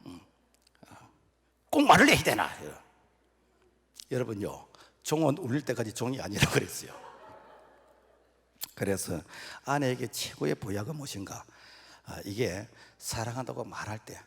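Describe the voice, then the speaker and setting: A male pastor preaching a sermon in a church, telling folksy stories with acted-out dialogue and sudden shouts. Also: mid-range voice, lively intonation, moderate pace, gravelly, husky. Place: church sanctuary. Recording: long hall reverb.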